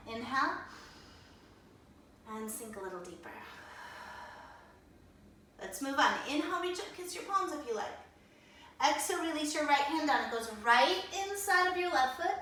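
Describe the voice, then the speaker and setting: Woman yoga teacher, high and bright, calm encouraging cues, echoey room, mic set far back. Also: a little hiss or hum. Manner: calm, encouraging breath counting. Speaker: yoga instructor. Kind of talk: guided yoga class cues. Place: home room, traffic outside.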